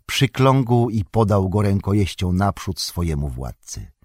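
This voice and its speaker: Male audiobook narrator, low and husky, measured, dry booth. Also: no room sound. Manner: steady, measured storytelling.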